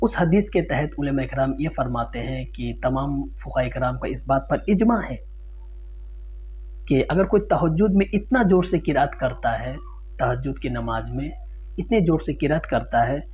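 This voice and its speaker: An unhurried, expressive man with a medium-pitched voice gives an informal Islamic lecture in response to a ruling question. He explains like a teacher, citing sources and putting points in simpler terms; the sound is dull and lo-fi with a strong hum.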